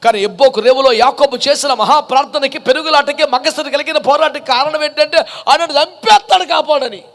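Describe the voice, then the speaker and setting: High-voiced impassioned male pastor. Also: fairly quick, gravelly. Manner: impassioned, rhetorical questions, rising to shouts. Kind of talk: sermon.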